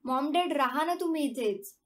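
A woman's voice: high-pitched, expressive, normal speed, fairly bright tone. A woman reading as a shy caring young woman. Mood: gentle. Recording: distant from the mic.

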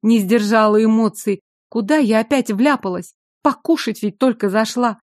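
Female audiobook narrator, fairly high voice, wry first-person delivery, dry close recording with no room sound. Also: moderate pace, darkish tone, no echo. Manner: wry, sardonic inner voice.

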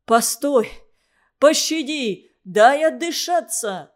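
Woman doing a fat old merchant, pompous, panicky, loud groaning pleas. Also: sits high, animated, slow. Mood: begging. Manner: groaning, pleading.

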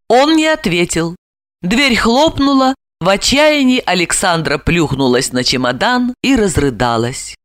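A woman reading an audiobook story aloud in a lively, dramatic storytelling manner. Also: mid-range voice, no echo, clean studio sound. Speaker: audiobook narrator. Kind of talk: expressive audiobook narration.

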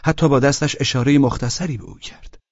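A man narrating a literary audiobook in a measured, steady reading voice. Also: mid-range voice, dry recording, dull audio.

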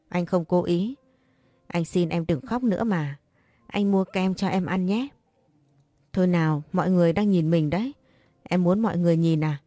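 A woman's voice: lowish voice, mellow, no room sound, close to an everyday voice. A woman voicing a caring but pushy young man who scolds and coaxes a crying friend. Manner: scolding yet tender, coaxing. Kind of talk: audiobook character reading.

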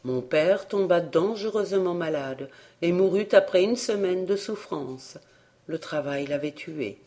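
Audiobook narrator, measured pace, steady storytelling, volunteer reader. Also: medium pitch.

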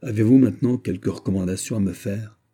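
A man voicing a young king who speaks gravely and firmly, with a touch of irony, in a husky voice. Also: on the low side, fast talker, warm tone. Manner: grave, firm, slightly ironic. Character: young king, grave beyond his years.

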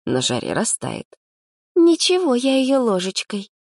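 A woman performs a full character voice as a coy, sugary young girl, pitched above her natural voice. The delivery is fairly high with huge pitch swings, a measured pace, and a darkish tone, recorded with clean studio sound and no room sound.

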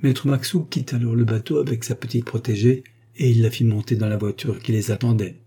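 A man with a husky, medium-pitched voice narrates a classic novel as an audiobook, keeping his storytelling measured and even.

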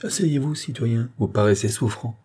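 A man voicing a composed, honest male minister who questions in a measured way. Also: medium pitch, darkish tone, natural voice. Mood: questioning.

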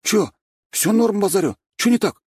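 A cute young wannabe street tough. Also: male voice, high-pitched, animated, moderate pace, darkish tone, husky, dry recording, clean studio sound, voice pushed up, exaggerated voice. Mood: mock tough. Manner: slangy, mock-threatening.

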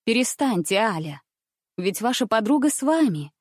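A calm, gentle governess who soothes a fussy child in a lower, steady voice , as a woman reads her in a storybook. Close and dry. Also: moderate pace, no echo. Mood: soothing. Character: calm adult female governess.

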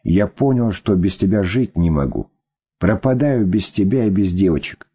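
A whiny, self-pitying middle-aged ex-husband, voiced by a man. He pleads and sulks in a low, dark voice with a husky edge. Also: expressive, normal speed, exaggerated voice. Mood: pleading. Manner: pleading, whining.

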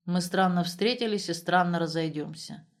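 A hoarse, gruff middle-aged peddler with a curt, mocking way of talking, as a woman reads him aloud. He sounds like a scruffy man who has let his life slide, from a storybook read aloud. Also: on the low side, normal speed, close to an everyday voice.

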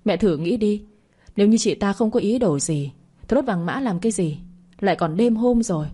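A woman voicing an angry young sister-in-law who makes fast, tearful accusations, in an audio story. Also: mid-range voice, expressive, dark tone, breathy edge. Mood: accusing.

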